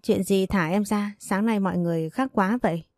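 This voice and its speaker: A woman voicing a polite, gentle young pregnant wife in a read-aloud storybook. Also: mid-range voice, fairly quick, dry recording, clean studio sound, close to an everyday voice. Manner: polite, soft-spoken.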